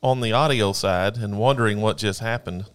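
A man's voice: fairly low pitch, normal speed, clean tone. A man in his forties co-hosting a podcast, joking in a wry, mock-defensive way into a podcast microphone. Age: 40s. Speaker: podcast co-host. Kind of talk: casual banter.

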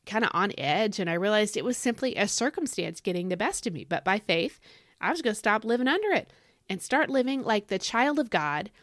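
Emphatic woman giving a devotional talk, low-pitched. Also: no echo, clean studio sound. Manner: conversational, emphatic, repeats key phrases. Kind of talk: informal devotional talk, exhorting listeners.

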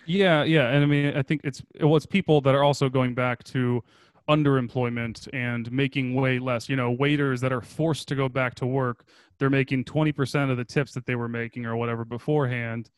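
A man's voice: medium pitch, steady tone, brisk, smooth, dry recording. A man who is a former producer and now a day trader, chatting casually and rambling as a podcast guest, swearing freely.

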